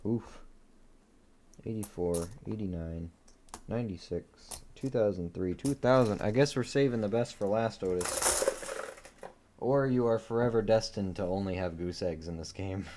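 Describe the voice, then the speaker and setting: A man hosting a live coin-hunting stream, quietly reading off dates and chatting easily between finds. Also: on the low side, measured pace, slight background noise. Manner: easygoing, laughs at his own dad jokes. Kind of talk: casual live-stream commentary.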